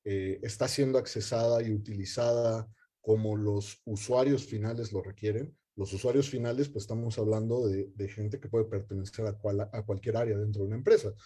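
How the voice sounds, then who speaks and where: A man's voice: lowish voice, steady tone, brisk, dark tone, breathy edge. A man in a webinar, explaining data science at length with many fillers and restarts.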